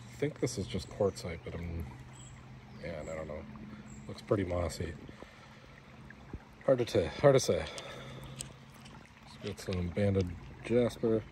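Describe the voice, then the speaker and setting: Low-voiced man musing by a river. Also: mellow. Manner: musing, unsure, thinking aloud while identifying rocks. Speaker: vlogger rockhounding on a river trip. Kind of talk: casual outdoor commentary. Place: outdoors on and beside a river. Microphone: action camera mounted on a kayak. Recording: running water noise outdoors.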